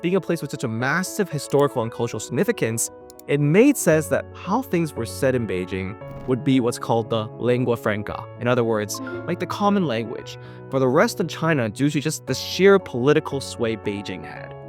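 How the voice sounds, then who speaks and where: A man's voice: mid-range voice, animated, a little fast, faint music behind. A man hosting an explainer video, narrating a script in a conversational way. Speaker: video host.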